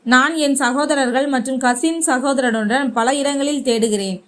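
A woman's voice: high voice, a little slow, a bit bright. A woman voicing a distraught grieving father. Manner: pleading, distraught. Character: anxious grieving father searching for daughter.

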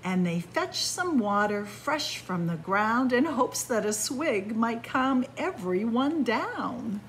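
A middle-aged woman reading a picture book aloud to children in an animated, deliberate storytelling manner. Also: on the high side, a little hiss or hum, poor audio. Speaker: library story-time reader. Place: indoors in a library among bookshelves.

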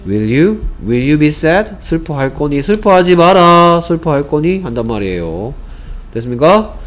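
Male English teacher, patient explainer, drills example sentences slowly and checks understanding often. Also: fairly high pitch, sing-song. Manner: asks rhetorical check questions, repeats example sentences slowly. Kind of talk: grammar lesson.

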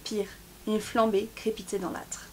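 A woman reading a novel chapter aloud in a steady voice, with small slips and restarts now and then. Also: medium pitch, a little slow, a little hiss or hum. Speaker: book YouTuber.

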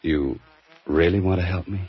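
A low-pitched, slightly rough male voice at a moderate pace belongs to an actor cast as a dry-witted, cool mystery writer who investigates crimes. The style is 1940s radio drama, heard as a muffled broadcast of the time. Wry in mood, he delivers dry wisecracks.

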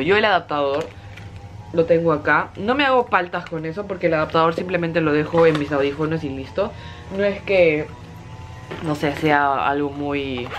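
A woman's voice: low voice, dull audio. Chatty young woman vlogging. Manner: chatty, animated storytelling. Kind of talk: casual vlog chat.

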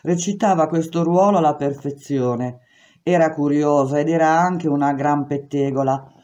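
A woman reading a memoir aloud in steady, measured first-person narration. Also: sits low, dull audio. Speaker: reader.

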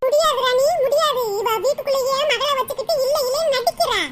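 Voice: extremely high pitch, quick pace, fairly bright tone. A voice actor playing a blunt, bossy village woman in a cartoon comedy, mocking and scolding. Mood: demanding.

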